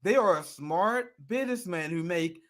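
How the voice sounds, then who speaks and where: A man's voice: high-pitched, lively intonation, normal speed. A young adult man co-hosting a political commentary show, ranting in a heated, profane way. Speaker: co-host.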